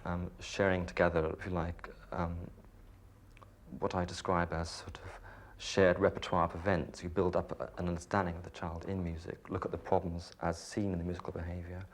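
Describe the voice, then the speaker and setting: A man, a music therapy researcher calmly explaining session footage, heard on an old noisy 1980s documentary recording. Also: deep voice.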